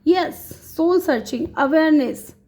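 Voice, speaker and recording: A woman's voice: high voice, a little slow, darkish tone. A woman reading tarot cards for her viewers, talking in a reassuring way and checking in with them often as she goes. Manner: reassuring, repeats short check-ins to the viewer; mixes English words into Hindi speech. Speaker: tarot reader.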